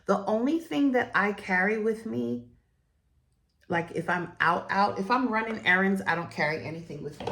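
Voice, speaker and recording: A woman chatting casually while doing her makeup for viewers, rambling and friendly, with a croaky morning voice. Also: mid-range voice, moderate pace, a little hiss or hum. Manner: chatty, rambling, warm sign-offs to viewers. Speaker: beauty vlogger and host. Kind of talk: chatty get-ready-with-me talk.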